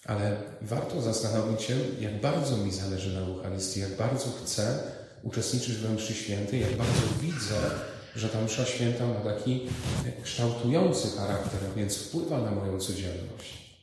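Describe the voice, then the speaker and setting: A priest delivers a sermon in a fairly low male voice, pausing often and repeating words as he gathers his thoughts. His words ring out through a large church with a long, echoing reverb. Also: darkish tone, slight background noise. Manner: halting, with many fillers and repeated words. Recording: echoey church hall.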